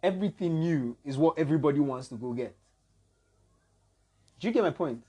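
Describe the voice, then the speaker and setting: A man's voice: a little high, lively intonation, brisk, mellow, husky. A man, a podcast guest who talks emphatically and keeps checking that his listener follows. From Nigeria. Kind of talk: casual podcast discussion.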